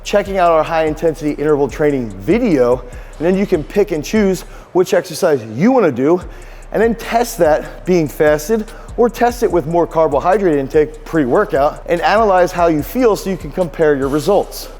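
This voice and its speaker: A man in his thirties, a strength coach, giving an energetic sponsored explainer on workout nutrition. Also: fairly high pitch, normal speed, in a large hall, faint music behind.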